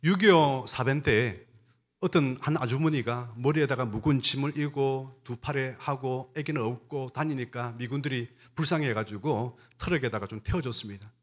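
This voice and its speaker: A man preaching as a pastor, telling stories in an animated way and putting questions to his congregation. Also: medium pitch, normal speed. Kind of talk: sermon.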